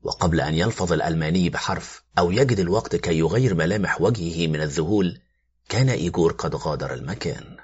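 A man narrating a suspense story as an audiobook, expressive and tense, in a slightly muffled recording with faint music. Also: deep voice, fast talker, husky.

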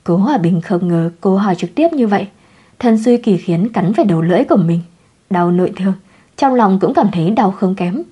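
A woman narrates a novel in a steady, measured storytelling voice of middle pitch. Her tone is warm and mellow, with a soft husky, breathy texture. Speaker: audiobook narrator.

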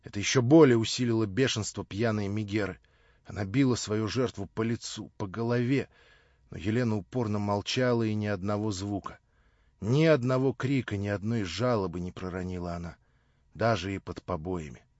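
A man narrating a classic novel in a measured, subdued way. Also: on the low side, darkish tone, no echo. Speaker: audiobook narrator. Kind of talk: scripted literary narration. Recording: slightly dull lo-fi audio.

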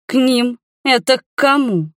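A woman voicing a haughty scheming noble mother who feigns innocence, in a high, loud voice. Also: unhurried, no room sound, studio quality. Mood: haughty indignant.

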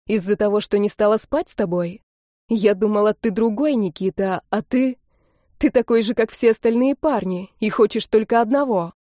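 A woman's voice: medium pitch, moderate pace, dark tone, no room sound, clean studio sound, natural voice. A woman reading a jilted young woman who speaks coldly and mockingly, then lashes out in hurt anger. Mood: hurt angry.

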